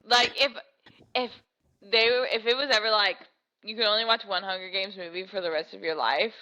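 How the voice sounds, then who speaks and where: A young woman co-hosting a casual podcast chat, animated and filler-heavy, swearing freely. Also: medium pitch, fairly quick, poor audio. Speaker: podcast co-host.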